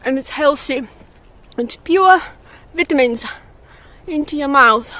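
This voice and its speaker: A woman's voice: high-pitched, slow pace, sharp tone. A woman chatting casually as a vlogger out on a nature trail. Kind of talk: casual chat.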